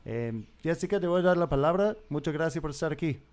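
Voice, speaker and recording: A man's voice: on the high side, animated, very fast, a little mellow. A man hosting an online university fair, introducing a guest in a hesitant way that repeats phrases. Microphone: video call.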